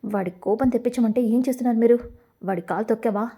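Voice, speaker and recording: A woman voicing a scheming, sharp-tongued woman who scolds her henchmen. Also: on the high side, fast, slightly rough. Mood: scolding. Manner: scolding, harsh.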